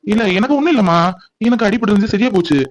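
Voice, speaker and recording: A man voicing a gentle, doting cartoon husband. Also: high-pitched, expressive, very fast, poor audio. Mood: reassuring. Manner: comforting, coaxing. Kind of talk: cartoon voice acting.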